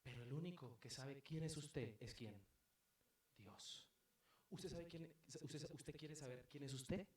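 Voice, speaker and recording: A man's voice: a little high, slow. Colombian man, pastor, emphatic sermon delivery with rhetorical questions; very reverberant church hall, distant mic. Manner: emphatic preaching with rhetorical questions, swinging between loud and soft. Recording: very echoey room, mic at a distance.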